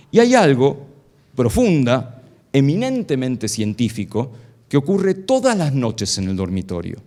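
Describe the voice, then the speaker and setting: A man's voice: medium pitch, a little mellow. A middle-aged man giving a playful live science talk on stage, asking the audience a stream of questions. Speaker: science lecturer.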